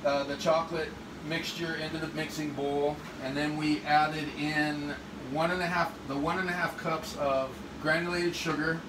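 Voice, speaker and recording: Recorded on a phone camera across an echoey home kitchen, with a distant mic and a hum, a middle-aged man gives a casual cooking demo. His voice is a little high with little pitch movement and a moderate pace, and he rambles a little while explaining each recipe step.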